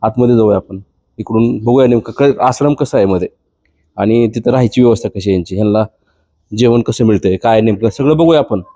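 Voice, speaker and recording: A male field reporter interviewing elderly residents, asking gently and consoling them. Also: on the low side, fairly quick. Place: old age home.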